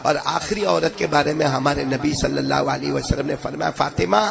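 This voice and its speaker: A man's voice: fairly high pitch, fairly even intonation, fairly quick, creaky, a crowd in the background. A man preaching a religious sermon to a gathering, impassioned and rising into a chanted sing-song, his voice a bit strained. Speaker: Islamic preacher. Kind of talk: Urdu-Hindi religious sermon.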